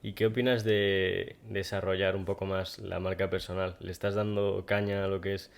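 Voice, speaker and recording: Gravelly, flat-voiced male podcast host. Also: deep voice, moderate pace. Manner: hesitant questions with many fillers. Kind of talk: interview questions.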